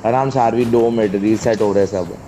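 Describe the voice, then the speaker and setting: A man's voice: on the low side, moderate pace, noisy background. A man steadily directing teammates in squad voice chat. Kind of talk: tactical game callouts. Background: loud game music and gunfire.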